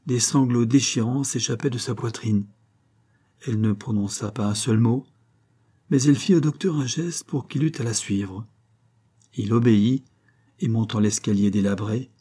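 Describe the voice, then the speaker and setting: A man narrating an audiobook of a classic tale in a measured, dramatic storytelling manner. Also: medium pitch, warm tone, breathy edge.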